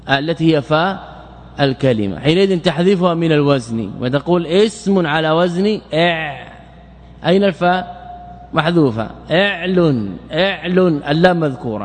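A man teaching Arabic morphology as a sheikh, repeating words and asking and answering his own questions. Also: a little high. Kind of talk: classroom lecture explaining grammar. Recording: long reverberant hall.

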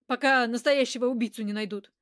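Woman reader doing a coarse, yelling man in hiding, defensive and hot-headed, pitched fairly high for a man, for an audiobook. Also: steady tone, fast, dry recording, clean studio sound, natural voice. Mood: gruff. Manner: shouting, coarse street talk. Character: rough, hot-tempered hunted man, loud and defensive.

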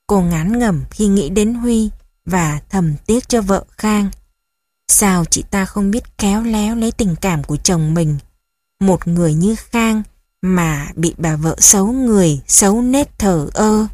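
A woman narrating a family drama audiobook in a calm, measured way. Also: medium pitch, no echo, clean studio sound.

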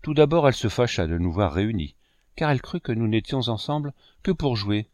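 Lively male storyteller, dry close mic. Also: medium pitch, a little fast, no room sound. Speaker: audiobook narrator. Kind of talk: scripted narration.

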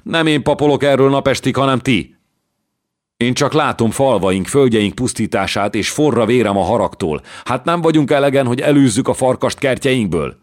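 A man voicing a hot-headed, blunt young male knight who shouts indignantly, pushing his voice well above his normal pitch. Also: close to an everyday voice.

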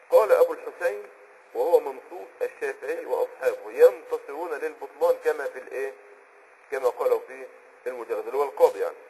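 Egyptian man, religious law teacher, raised pitch, very raspy voice, casual explaining lesson. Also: a little mellow, low-quality recording. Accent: Egyptian Arabic. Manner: conversational, often pauses on a filler word while hunting for a term; checks on the listener with quick asides. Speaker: Islamic jurisprudence teacher.

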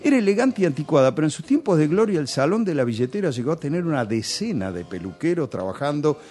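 A man's voice: fairly high pitch, very animated, quick pace, mellow, husky, soft background music. A man with a Rioplatense Spanish accent telling nostalgic, chatty stories on a radio show. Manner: nostalgic, chatty storytelling with local slang.

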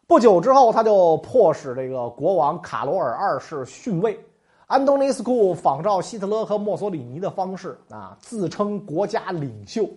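A history podcast host spinning a comic tale in casual, slangy speech full of jokes. The voice rises and falls with very lively pitch, pushing the story along with animated energy. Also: moderate pace. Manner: colloquial, joking, slangy asides.

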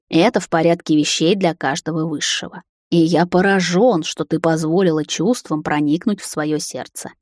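Woman voicing a cold male vampire lord, low, slow and stern, dry storybook read. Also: a little mellow, dry recording. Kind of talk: audiobook character voice.

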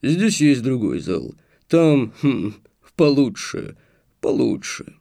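A man putting on a shifty tavern lurker's deep bass voice. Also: big pitch swings, takes it slowly, gravelly, dark tone, dry recording, clean studio sound, exaggerated voice. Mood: obsequious. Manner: put-on deep, low voice. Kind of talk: audiobook narration.

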